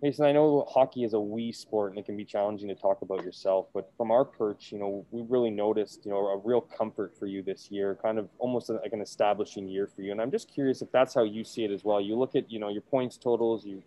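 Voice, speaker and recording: A man's voice: on the low side, fairly even intonation, quick pace, few pauses, mellow, rough recording. A male sports reporter asking long, winding questions at a press conference.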